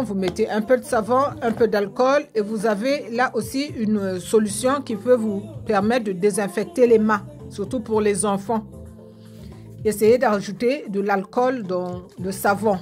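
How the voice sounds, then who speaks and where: A woman's voice: mid-range voice, measured pace, a little mellow, faint music behind. A woman giving casual home how-to tips, repeating steps with fillers and restarts. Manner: repetitive, many fillers and restarts.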